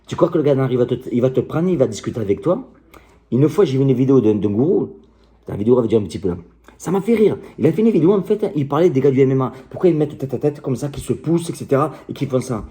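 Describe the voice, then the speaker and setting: Middle-aged male coach, deep warm timbre, combative and passionate, talks straight to camera. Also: expressive, quick pace. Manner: combative, heated, passionate, crude. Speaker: martial arts coach. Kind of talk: direct-to-camera rant.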